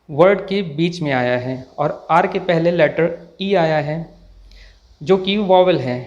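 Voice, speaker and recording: Slow, patient Hindi-speaking male teacher. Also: a little high, highs cut off. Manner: repeats words slowly for contrast, patient. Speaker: English pronunciation teacher. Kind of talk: slow, deliberate explanatory lesson.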